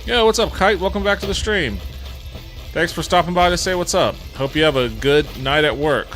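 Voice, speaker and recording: A man's voice: on the high side, normal speed, a bit bright, faint music behind. A man streaming a video game live, talking into a headset mic, reacting aloud, reading game text and swearing casually. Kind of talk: casual live gaming commentary.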